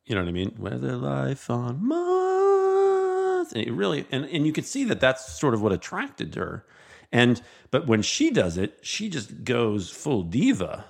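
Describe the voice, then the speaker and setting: A man chatting casually about music, animated and swearing, with lots of "you know what I mean". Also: mid-range voice, moderate pace, creaky, slightly rough.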